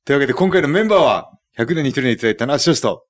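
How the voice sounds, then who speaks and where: A man's voice: medium pitch, lively intonation, very fast. A man hosting a podcast, chatting casually and joking, with lots of fillers. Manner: chatty, jokey, many fillers. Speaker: podcast host.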